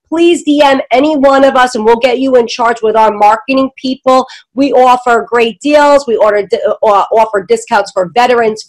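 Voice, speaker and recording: Brash high-voiced New York woman. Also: rough recording. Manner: loud, brash and chatty. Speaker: talk show host. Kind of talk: casual panel chat.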